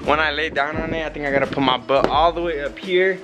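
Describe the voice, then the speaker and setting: A man's voice: on the high side, quick pace, over music. A young man giving a casual, rambling product review while working out on an outdoor covered patio, filming with a handheld camera held close. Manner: laid-back, rambling, chatty. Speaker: vlogger.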